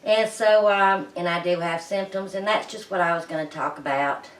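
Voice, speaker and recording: A middle-aged woman chats casually and haltingly for a vlog, folksy, her voice muffled through a face mask and short of breath. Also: lowish voice, a bit bright. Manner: folksy, plain-spoken, halting. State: out of breath, pausing. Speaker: vlog host. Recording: roomy echo, distant microphone.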